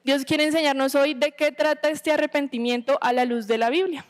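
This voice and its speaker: A woman's voice: sits high, steady tone, brisk. A woman giving a sermon to a women's meeting, teaching in a conversational way, asking rhetorical questions and checking in with her listeners.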